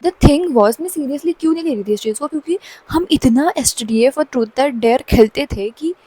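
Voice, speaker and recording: A woman's voice: high voice, expressive, moderate pace, dark tone, dry recording, poor audio. A young woman telling a casual storytime vlog, chatty, with lots of fillers. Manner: chatty, mixes English into her speech, many fillers and restarts; laughs while telling.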